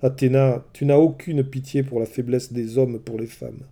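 A man's voice: mid-range voice, steady tone, normal speed, creaky, dark tone. A man voicing a young male messenger god who speaks earnestly and insistently, in a storybook reading.

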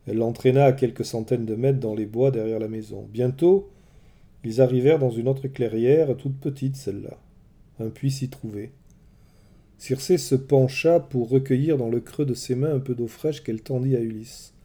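A man reading a storybook aloud in a measured, expressive narration. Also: medium pitch.

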